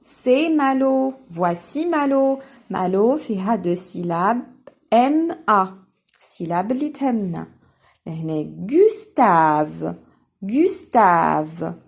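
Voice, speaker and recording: A woman with a Tunisian accent teaches a French lesson to young children. Her voice has a gravelly edge and sits at an ordinary middle pitch. She calls out single words slowly and loudly, then hurries through her explanations. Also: sing-song. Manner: switches between slow, emphatic French words and quick Arabic explanations; spells out syllables slowly and loudly. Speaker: primary school teacher.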